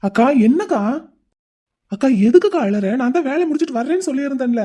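A woman's voice: high-pitched, expressive, fast, dark tone. A woman voicing a caring, playful young man in a cartoon, coaxing and teasing his crying older sister in a chatty way. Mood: pleading. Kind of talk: Tamil cartoon voice acting.

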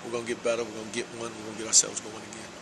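A middle-aged man, a basketball head coach, giving a measured post-game interview in a large empty indoor arena, with frequent "uh" fillers. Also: lowish voice, monotone, creaky, background noise.

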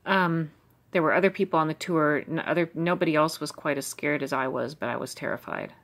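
Going through her old diaries, a low-voiced, middle-aged woman from the United States talks fairly quickly in a somewhat bright tone. She's a vlogger offering rambling personal commentary, drifting between thoughts and filling pauses with um and you know.

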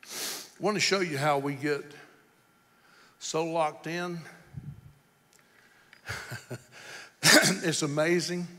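High-voiced impassioned male preacher. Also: big-room sound. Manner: impassioned, swings between shouting and quick quiet explanation. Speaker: pastor. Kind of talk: sermon.

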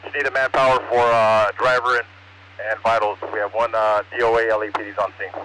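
A man's voice: lowish voice, level tone, brisk. A male fire officer giving a plain, procedural status report over a fire department radio. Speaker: fire crew officer at an incident. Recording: noisy fire radio scanner transmission.

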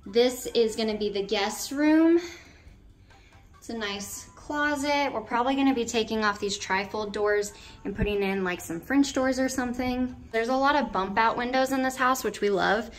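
Filming on a handheld phone or camera at arm's length, a twenty-something American vlogger gives a casual walking tour of a house's empty rooms, musing aloud as she goes. Her voice is fairly high and moderately paced, with faint music in the background.

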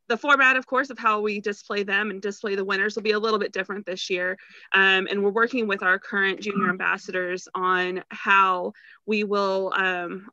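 A woman's voice: medium pitch, bright, forceful tone, no echo. A young woman giving an upbeat update over a video call from outdoors, running through a list of items. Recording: dull, dry sound.

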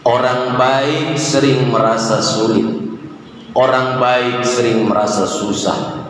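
A man's voice: mid-range voice, fairly even intonation, slow pace. A man in his thirties giving a Friday sermon, building repeated parallel phrases that rise for emphasis and chanting verses melodically. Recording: echoey hall with faint hiss.

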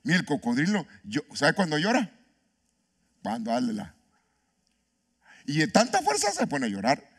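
A man pastor preaching an animated sermon, asking his congregation questions and mixing in humor. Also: a little high. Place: church.

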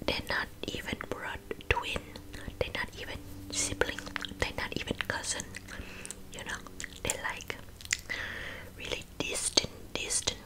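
A woman's voice: measured pace, long pauses, natural voice, low-quality recording. Woman's whispered role-play of a bossy, accented makeup artist. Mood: brisk, critical. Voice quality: breathy unvoiced whisper with wet mouth sounds. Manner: scolding, blunt, clipped phrasing. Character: bossy, blunt, insulting female makeup artist.

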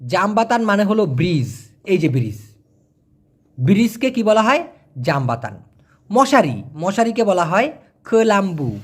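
A man's voice: high voice, sing-song, slightly rough. A man, teaching a casual vocabulary lesson, spelling out letters and repeating each word. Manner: explains slowly, spells out letters, repeats words. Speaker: language teacher.

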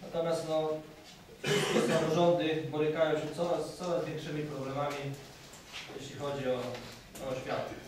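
Halting official in an echoey hall. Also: male voice, on the high side, flat delivery. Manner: halting, with many filler sounds. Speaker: municipal official presenting the budget. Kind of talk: formal council speech. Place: council meeting hall. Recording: echoey hall recorded from a distance, background noise.

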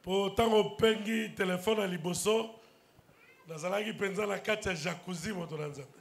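Male church member, high-pitched, lively testimony. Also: moderate pace, vocal fry. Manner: lively storytelling, addressing fellow believers.

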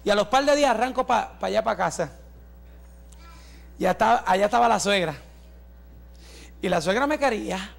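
A man in his forties, a pastor giving a fervent testimony sermon that rises to shouts, with joking asides. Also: high voice, lively intonation, normal speed, creaky, pauses often. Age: 40s.

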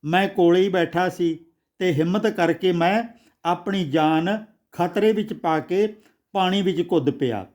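A man's voice: high voice, measured pace, a little mellow. A man voicing a resentful young man who talks in a rude, bitter tone in a storybook. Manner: rude, blunt tone.

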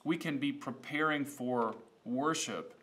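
A man's voice: medium pitch, fairly bright tone. A man in his thirties, a pastor in casual chat, upbeat and asking questions to keep the talk moving. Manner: upbeat, quick to react, asks leading questions. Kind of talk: casual chat about a sermon. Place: wood-paneled studio, seated at a table.

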